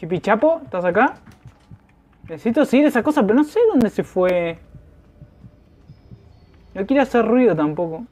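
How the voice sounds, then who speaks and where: A man's voice: high-pitched, lively intonation, moderate pace, pauses often, a little mellow. A man with a Rioplatense Argentine accent giving casual let's play commentary, slangy and swearing, yelping when scared. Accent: Rioplatense Argentine Spanish. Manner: slangy, swears, yelps in panic. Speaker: gamer.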